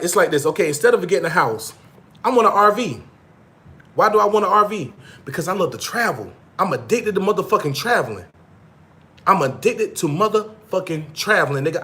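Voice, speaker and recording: Speaking in a high, fairly bright voice, a man in his 30s hosts a vlog and addresses his live viewers casually. His monologue is blunt, full of profanity and slang, and he hammers points home by repeating them.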